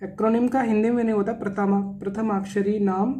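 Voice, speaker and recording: Man, vocabulary teacher, soft mellow tone, spells and repeats each word patiently. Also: high-pitched, level tone, a little hiss or hum. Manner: spells out words and repeats meanings slowly; mixes Hindi explanation with English definitions. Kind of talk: exam vocabulary lesson.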